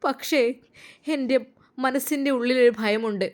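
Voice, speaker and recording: A woman's voice: high-pitched, a little slow. A woman voicing a young remorseful mother who prays tearfully and pleads for forgiveness. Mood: tearful pleading.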